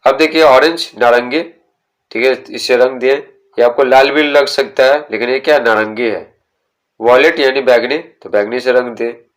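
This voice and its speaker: A male teacher working through a school textbook, reading each English sentence slowly and then explaining it, asking questions and answering them himself. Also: medium pitch. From India.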